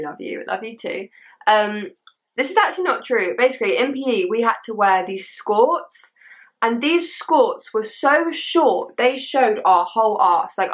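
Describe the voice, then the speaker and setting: A woman's voice: mid-range voice, a bit bright, poor audio. Chatty young English woman, slangy and informal. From England. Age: young adult. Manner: informal British teen slang, chatty, frequent "like". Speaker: social media creator. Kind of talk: casual chat to camera, reading out and answering assumptions.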